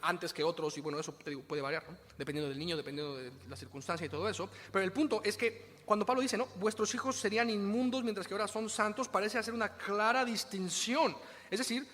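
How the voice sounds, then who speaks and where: High-voiced Mexican preacher in a hall. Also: male voice, quick pace, fairly bright tone, a little hiss or hum. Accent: Mexican Spanish. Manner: conversational, asks rhetorical questions. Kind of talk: sermon.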